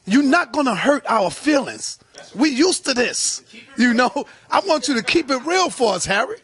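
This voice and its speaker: A man's voice: very high-pitched, very animated, moderate pace, a bit bright. A man questioning a guest in a pressing, confrontational way and repeating his points for emphasis. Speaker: interviewer.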